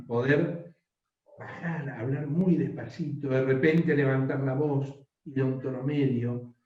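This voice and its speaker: Echoey distant male voice teacher. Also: fairly high pitch. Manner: instructive, asks the class frequent yes-or-no checks. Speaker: workshop teacher. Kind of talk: voice and speaking workshop. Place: classroom. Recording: distant mic in an echoey, dull-sounding room.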